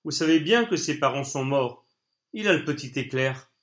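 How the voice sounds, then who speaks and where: A man's voice: mid-range voice, animated, normal speed, fairly bright tone, natural voice. A man reading an audiobook, voicing a simple, kind, clumsy man who pleads plainly. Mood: pleading.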